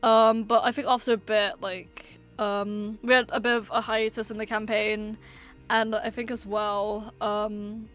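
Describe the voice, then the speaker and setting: A woman's voice: mid-range voice, little pitch movement, a little slow, fairly bright tone. A woman streamer chatting casually, rambling and hesitant with lots of "um" and "like". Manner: rambling, hesitant, many fillers. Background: faint background music.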